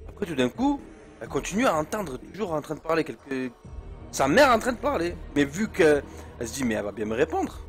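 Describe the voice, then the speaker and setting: Un jeune homme raconte une histoire qui fait peur, d'un ton familier, en argot, avec beaucoup d'hésitations et de « euh ». Sa voix est un peu aiguë pour un homme, sur une faible musique de fond. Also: male voice, fairly high pitch, sing-song, fairly quick, soft background music. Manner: slangy, hesitant with many fillers. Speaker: storyteller. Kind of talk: casual spoken horror story.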